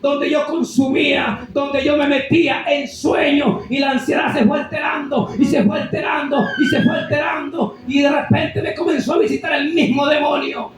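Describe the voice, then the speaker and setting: A man preaching an impassioned, shouted testimony sermon as an evangelist in a church. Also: extremely high pitch, steady tone, moderate pace, hardly any pauses, very echoey, recorded from a distance, slight background noise.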